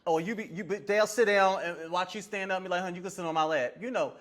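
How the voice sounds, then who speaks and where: A fast-talking woman over forty with a lowish voice, appearing as a podcast guest and a veteran of the ballroom scene. She tells stories casually and emphatically, her phrasing sassy and full of slang.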